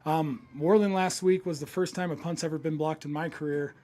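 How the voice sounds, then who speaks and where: Man, football coach, slightly high voice, plainspoken, winded. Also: fairly even intonation, brisk, dark tone. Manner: candid, laughing, plainspoken. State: out of breath. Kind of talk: postgame interview.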